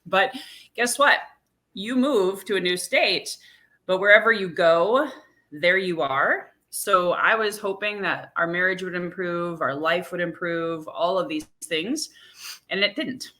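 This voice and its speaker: Low-voiced woman host, bright tone. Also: measured pace. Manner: earnest, reflective storytelling. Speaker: podcast host. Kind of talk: casual conversation.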